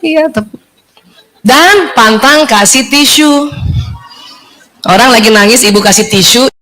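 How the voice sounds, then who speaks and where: A woman with a high, bright-sounding voice gives an animated talk to an audience of mothers. She laughs often and slips into little acted voices for the people she quotes. She keeps stopping to ask her listeners whether they follow. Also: takes it slowly, poor audio. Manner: addresses the audience directly with checking questions. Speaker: lecturer giving a talk to mothers. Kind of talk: lively seminar talk.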